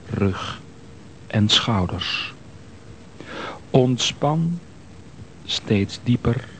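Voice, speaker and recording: A man calmly leading a guided progressive muscle relaxation exercise, giving slow, soothing instructions. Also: lowish voice, a little hiss or hum.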